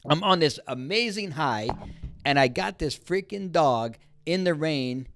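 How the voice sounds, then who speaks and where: A man's voice: on the high side, animated, unhurried, a bit bright. A man co-hosting a podcast, telling a story in casual chat, rambling with many fillers and restarts. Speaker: podcast co-host.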